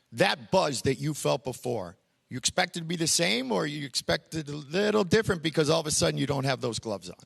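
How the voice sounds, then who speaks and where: A man's voice: medium pitch, creaky, a bit bright, no room sound, clean studio sound. A man hosting a fight promotion interview, enthusiastic and promotional in manner. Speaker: commentator and host. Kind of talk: event hype interview. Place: indoor arena venue.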